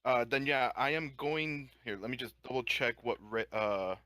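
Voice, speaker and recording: Guy playing a tabletop game, bright forceful voice, super dry sound. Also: mid-range voice, normal speed, no room sound. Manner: thinks aloud with fillers. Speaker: player. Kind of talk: casual tabletop play.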